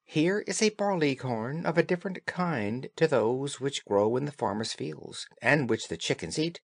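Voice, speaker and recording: A man's voice: medium pitch, animated, moderate pace, vocal fry, dry recording, clean studio sound. A man voicing a kindly fairy in a storybook, with an airy sing-song manner. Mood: obliging.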